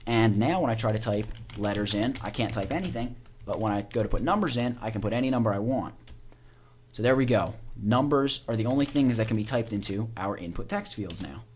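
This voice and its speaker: A man's voice: lowish voice, a little fast, darkish tone, a little hiss or hum. Guy doing a laid out step by step screencast tutorial, informal, narrates every click as he goes. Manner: informal, talks through each click and keystroke as it is done. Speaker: software tutorial instructor.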